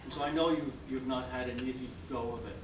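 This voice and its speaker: Fast and fairly even in intonation, his mid-range voice carries through a large hall as this older Canadian, whose first language is French, encourages new citizens. He checks in often with "okay?". The recording is echoey, distant, and noisy.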